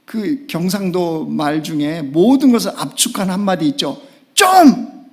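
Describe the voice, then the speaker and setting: High-voiced Korean pastor preaching emphatically. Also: male voice, expressive, normal speed. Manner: emphatic preaching that swings from hushed to loud exclamations. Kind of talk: Sunday sermon. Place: church sanctuary.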